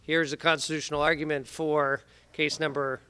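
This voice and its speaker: Bright-voiced lawyer addressing a board. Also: male voice, on the high side, little pitch movement. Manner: measured, procedural, many fillers. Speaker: attorney for applicants. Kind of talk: formal legal presentation at public meeting. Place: town hall meeting room.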